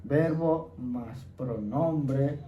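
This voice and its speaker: A man teaching an English class, explaining each step slowly and patiently and checking in with his students. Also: mid-range voice, dull audio. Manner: patient, repeats steps, checks in with "¿ok?". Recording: echoey room, faint background noise.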